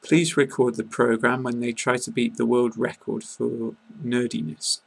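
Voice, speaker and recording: Like a patient tutor, a British-accented man slowly and deliberately pronounces English words one by one, repeating each with care. His pitch is flat and steady, his voice gravelly with a touch of huskiness, and the audio is poor.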